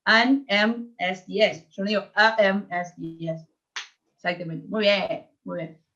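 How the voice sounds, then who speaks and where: Steady in tone and a little slow, a young woman with a mid-range, slightly bright voice teaches an English grammar class with an Argentine accent. As the tutor she explains patiently and checks on her students, captured in dull, lo-fi audio.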